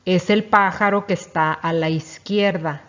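Woman teacher for a children's letter lesson, unhurried, encouraging, slightly dull lo-fi sound. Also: on the low side, steady tone. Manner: patient, encouraging, asks and praises. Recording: dull lo-fi recording.

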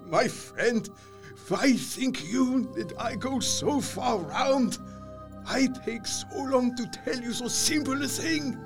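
A man playing a grave, earnest older professor and vampire hunter in an audio drama, with creaky voice, quaint foreign phrasing and dramatic delivery. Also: very high-pitched, heavily acted. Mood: pained, tender.

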